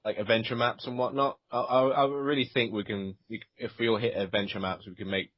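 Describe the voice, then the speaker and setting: A man's voice: fairly low pitch, fairly even intonation, quick pace, dry recording. Hesitant man chatting, dull dry sound. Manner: hesitant, many restarts and fillers. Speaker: podcast co-host. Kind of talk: casual chat. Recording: dull lo-fi voice recording.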